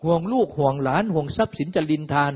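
Man, dharma teacher, husky voice, long hall echo, muffled lo-fi sound, rhetorical questions. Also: fairly high pitch, lively intonation, fast. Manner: acts out quoted voices. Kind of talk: dharma sermon. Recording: dull lo-fi with long hall reverb.

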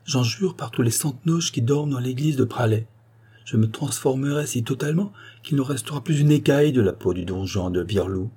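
A man's voice: mid-range voice, brisk, dark tone, slightly rough, voice pushed up, close to an everyday voice. A man reading an audiobook, voicing an earnest, impassioned young man in love who is making vows. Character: ardent young man in love, late twenties.

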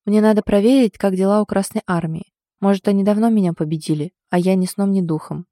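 A woman voicing a tipsy, sulky young woman who answers with huffy sarcasm, a little higher and louder than her narration. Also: steady tone, quick pace, dry recording, clean studio sound, close to an everyday voice. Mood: sulky, sarcastic.

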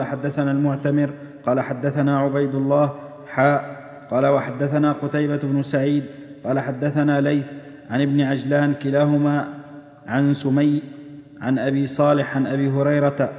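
Man reading in a flat monotone. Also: mid-range voice, fairly quick. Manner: flat, steady recitation. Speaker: reader of hadith text. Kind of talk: reading religious text aloud. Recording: echoey hall, dull old tape.

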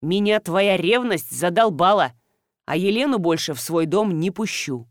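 A woman voicing a gruff, blunt farmer. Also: lowish voice, expressive, normal speed, no room sound, clean studio sound, lightly acted. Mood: angry. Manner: loud, scolding and mocking. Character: hot-tempered middle-aged male farmer, gruff and blunt. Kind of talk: audiobook dialogue.

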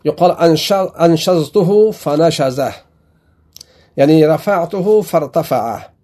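A man teaching a Quran commentary lesson, slowly reading quoted passages and explaining them with frequent restarts. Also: a little high, mellow. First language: Pashto or Dari. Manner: slow, deliberate reading of quoted text with explanations; frequent self-corrections and restarts. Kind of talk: classroom lesson.

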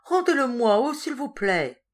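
A woman's voice: on the high side, animated, unhurried, pitched above the performer's own voice. A woman reading aloud, voicing a fragile, childlike young madwoman who pleads in a raised voice. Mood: childlike pleading.

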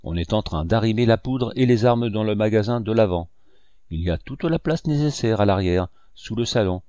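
A man's voice: lowish voice, animated, normal speed, warm tone, no room sound, lightly acted. A man reading an audiobook, voicing a blunt male ship captain who speaks formally and firmly. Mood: stern. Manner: formal, firm, clipped.

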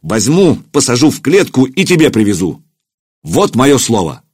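A man's voice: medium pitch, very animated, normal speed, husky, dry recording, clean studio sound, voice pushed up. A man voicing a hot-headed, proud young warrior who speaks fiercely and makes bold vows. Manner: fiery, vowing loudly.

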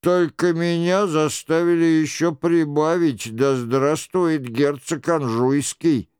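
A man's voice: fairly high pitch, fairly even intonation, takes it slowly, darkish tone, clean tone, no echo, clean studio sound. A man reading aloud who voices a resentful courtier nursing a grudge in a costume-drama audiobook.

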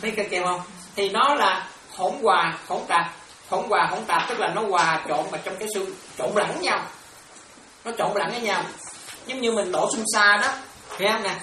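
A woman's voice: mid-range voice, moderate pace, pushed and bright. Woman, monastic teacher at a dharma class; repetitive, checks understanding; distant, roomy, noisy recording. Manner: repetitive, keeps checking if students follow. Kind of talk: dharma class explaining Pali terms. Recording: echoey room from far off, ambient noise.

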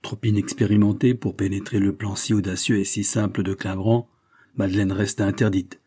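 A man reading a classic novel aloud in a steady, measured audiobook narration. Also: lowish voice, husky.

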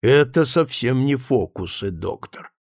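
Man doing a drunk confessing friend, maudlin, lively swinging pitch, gravelly edge, dry close sound. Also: measured pace, dry recording, exaggerated voice. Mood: gloomy, hesitant. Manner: maudlin, emphatic drunken pleading. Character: drunken, self-pitying male friend confessing. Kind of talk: audiobook character reading.

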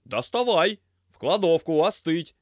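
A man's voice: a little high, expressive, measured pace, no room sound, studio quality, pitched above the performer's own voice. A man voicing a stout, mustached head chef who barks orders across a busy kitchen in an audiobook. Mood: shouting orders. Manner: barking orders. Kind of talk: audiobook character voice.

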